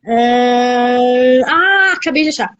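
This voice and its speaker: A young adult woman from Brazil, a missionary and youth leader, chatting in a casual interview and excitedly repeating words for emphasis. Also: fairly high pitch, slow, highs cut off. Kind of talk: casual interview on a live stream.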